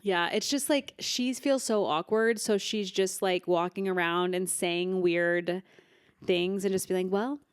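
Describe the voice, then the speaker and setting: A woman's voice: lowish voice, steady tone, unhurried, clear, resonant tone, dry recording, studio quality. A woman co-hosting a podcast, chatting casually in a giggly way with lots of "like". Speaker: podcast co-host. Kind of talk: casual chat.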